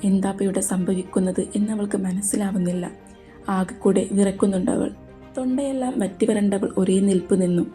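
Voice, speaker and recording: A woman reads her own romantic story in a steady, intimate narration. Her voice is dark and mellow, with soft music playing faintly beneath. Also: medium pitch, fairly quick. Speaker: narrator and writer.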